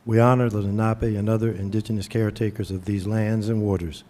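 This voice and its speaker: A man's voice: lowish voice, steady tone, fairly quick, warm tone, soft background music. A man formally reads a prepared statement at a public meeting.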